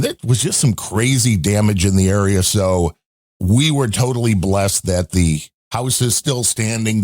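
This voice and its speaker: A man on a casual talk show, telling a long, animated, rambling story about a storm and his week. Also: lowish voice, no echo, studio quality. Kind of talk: casual chat. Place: home in a storm-hit area.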